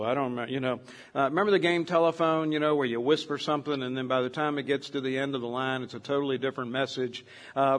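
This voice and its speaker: A man's voice: fairly high pitch, a bit bright. An older man preaching as a pastor, telling stories in a rambling, conversational way. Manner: rambling, with many fillers and restarts; storytelling, conversational. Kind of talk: sermon.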